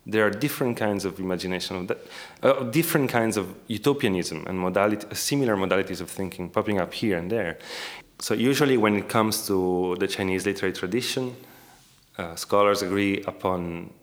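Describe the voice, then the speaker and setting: Low-pitched, careful academic man. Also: brisk. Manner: hesitant, careful academic phrasing with frequent rewording. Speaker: academic researcher, interviewee. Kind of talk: scholarly interview discussion.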